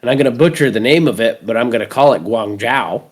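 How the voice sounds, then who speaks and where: Speaking fast in a husky, mid-range voice, this Canadian-accented man in his thirties hosts a podcast, rambling through lively, profane stories in casual conversation.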